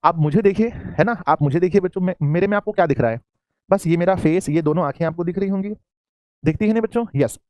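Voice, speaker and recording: A man's voice: high-pitched, quick pace, a little mellow, no room sound. A man teaching a school class online in Hindi, who calls his students "children" and keeps asking questions that he answers himself.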